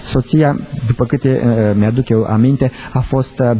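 A man's voice: medium pitch, steady tone, dark tone, poor audio. A middle-aged male pastor preaching an impassioned sermon, his voice rising and falling.

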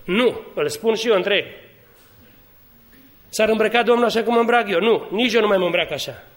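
A man preaching a sermon, telling humorous stories and building to fervent exhortation. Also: sits high. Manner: lively, humorous storytelling that rises to fervent exhortation.

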